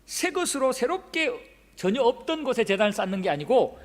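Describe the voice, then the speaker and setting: High-voiced preaching man in a hall. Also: sing-song, fairly quick. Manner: dramatic storytelling, acting out quoted lines. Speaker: pastor. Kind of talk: sermon. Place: church sanctuary. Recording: long church hall reverb.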